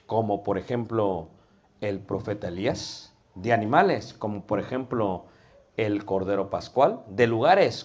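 A man teaching a class on preaching, quizzing students and sometimes lowering his voice for emphasis. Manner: animated, asks the class questions, drops to a soft voice for effect. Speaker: homiletics teacher.

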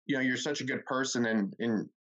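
A man's voice: medium pitch, a little fast, a bit bright. A man hosting an interview, affirming his guest in long, rambling run-on sentences. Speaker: interview host. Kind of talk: casual interview chat. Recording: dull lo-fi audio.

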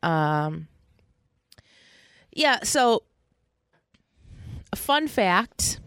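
A woman's voice: medium pitch, sing-song, extremely slow, a bit bright, smooth, no echo, studio quality. A woman co-hosting a casual podcast, teasing and joking, swearing casually. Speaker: podcast co-host. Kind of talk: casual chat.

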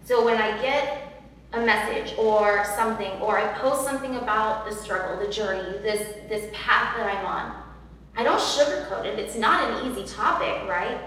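Speaking at a normal speed in a mid-range voice, this woman is a podcast guest sharing a personal story in an interview. She comes across as loud, earnest and emotional, with plenty of fillers and repetition. She was recorded from a distance in an echoey hall, and faint noise can be heard.

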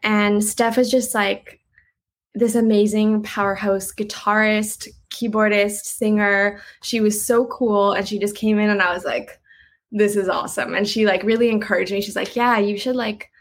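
A young woman talking casually about her music in an interview, chatty and quick to laugh, with lots of "like" in her speech. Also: medium pitch, flat delivery, rough recording. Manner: chatty, uses "like" a lot, laughs easily. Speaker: guest musician.

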